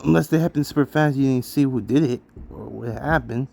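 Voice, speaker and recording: A man's voice: medium pitch, brisk, vocal fry, mellow. A young man giving casual, incredulous commentary while reacting to a video. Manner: incredulous, chatty asides.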